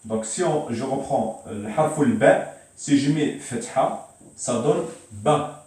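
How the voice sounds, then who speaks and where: A man's voice: medium pitch, a little slow, a little mellow. Patient man teaching, echoey far-off room. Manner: patient, repetitive explaining with many fillers. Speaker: Arabic teacher. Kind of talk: beginner language lesson at a whiteboard.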